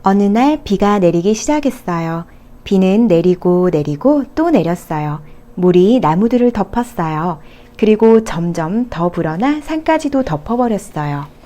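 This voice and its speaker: A woman with a soft, mellow, medium-pitched voice reads Bible stories for children at a measured pace. She's very animated yet gentle, explaining things as though to little ones.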